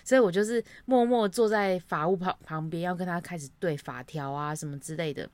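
A woman's voice: fairly low pitch, a little fast, darkish tone, no echo. A young woman, chatting casually and acting out her own greetings as she tells an office story. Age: young adult. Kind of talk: casual chat.

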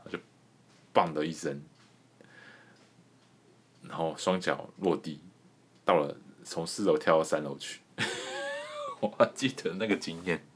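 Man, very low voice, lively swinging pitch, comic storytelling, podcast host, laughs often. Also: slow, pauses often, breathy edge. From Taiwan. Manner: animated, laughs often while telling.

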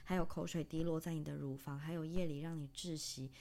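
Low, warm-toned woman, dramatic stage reading, intense and halting. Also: fairly even intonation, gravelly. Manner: intense, halting delivery in short broken phrases; long breathless list, spoken low and soft.

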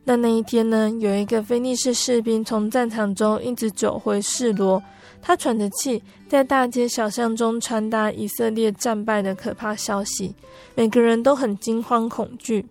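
A woman narrating a Bible story for a podcast in a gentle, unhurried storytelling manner with soft filler particles. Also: a little high, steady tone, creaky, soft background music.

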